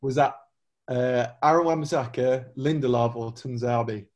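A man's voice: medium pitch, normal speed, darkish tone. A man hosting a football quiz among friends, teasing and laughing often. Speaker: quiz host. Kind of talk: casual chat among friends.

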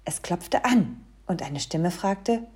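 A woman telling a children's story with a very lively, sing-song melody. Her voice is mellow and soft-edged, and slightly husky. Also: on the low side, slow. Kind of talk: storybook reading aloud.

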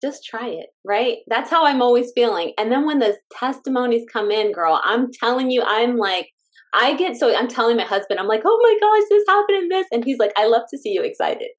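A woman's voice: fairly high pitch, brisk. A woman from California, a stay-at-home mom, talking as a guest in a casual interview, heartfelt and enthusiastic with frequent laughs.

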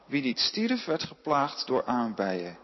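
Husky-voiced man reading scripture aloud. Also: medium pitch, unhurried, long reverb tail, lo-fi sound. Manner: steady reading with occasional slips and self-corrections. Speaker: scripture reader. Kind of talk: reading a Bible passage aloud.

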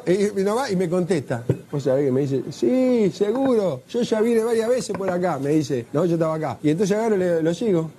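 A man telling comic anecdotes in an animated way, full of tag questions. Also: a little high, husky.

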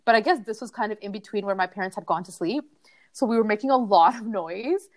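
A young woman co-hosting a podcast, telling a family story in a chatty, animated way, laughing often and full of "like" fillers. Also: mid-range voice, fast talker. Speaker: podcast co-host. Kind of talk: casual storytelling chat.

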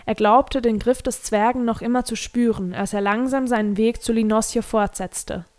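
A woman narrating a fantasy novel in a calm, measured reading voice. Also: a little high. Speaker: audiobook narrator.

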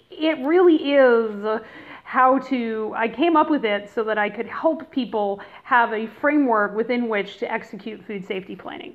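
A woman hosting a casual educational podcast in a chatty, informal way, addressing listeners directly, recorded through headphones used as a mic. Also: fairly high pitch. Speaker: podcast host. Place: room in a rental house. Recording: thin phone-like sound from headphone mic.

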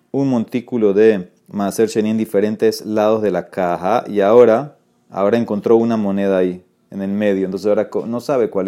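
Man explaining Talmud, mellow voice. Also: fairly low pitch. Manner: reads Aramaic then explains, with fillers and self-corrections. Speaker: Talmud teacher. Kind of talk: explaining a Talmud page in Spanish.

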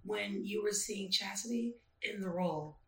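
A woman's voice: medium pitch, normal speed, gravelly. A woman hosting a talk show, cheering her guest on with eager, affirming interjections. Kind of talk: casual interview chat. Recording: roomy echo.

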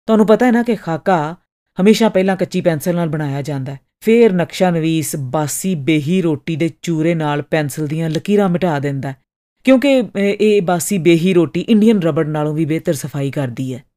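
A woman voicing a polite young man who explains things haltingly, in an audiobook reading. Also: low voice, lively intonation, dark tone. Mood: apologetic.

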